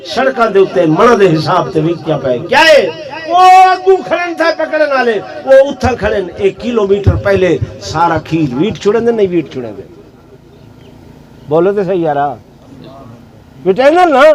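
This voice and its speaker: A male preacher giving a sermon to a village gathering. He asks rhetorical questions and keeps calling out to his listeners. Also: sits high. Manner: rhetorical questions and repeated addresses to the audience.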